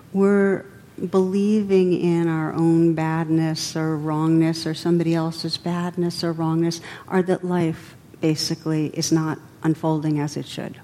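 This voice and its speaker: A woman meditation teacher giving a dharma talk in a reflective, gently meandering way. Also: fairly even intonation, measured pace. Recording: reverberant hall with faint rumble.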